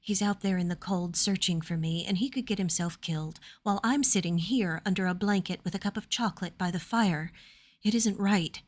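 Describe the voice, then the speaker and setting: Voicing a young noblewoman from a fantasy storybook, a woman uses a soft, earnest, slightly lifted voice for a gentle, principled, anxious character. She reads fairly quickly and with light acting, in a worried, guilty mood.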